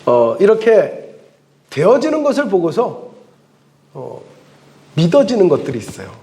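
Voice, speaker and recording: A man preaching a sermon as a pastor in church, telling the story with animated delivery and dramatic pauses. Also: sits high, vocal fry.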